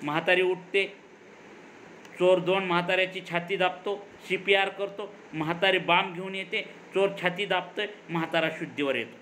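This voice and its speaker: A man's voice: high-pitched, moderate pace, slight background noise. A man teaching a college class, retelling a story with repetition and explanation. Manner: animated storyteller who repeats and explains. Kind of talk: lecture retelling a story dialogue.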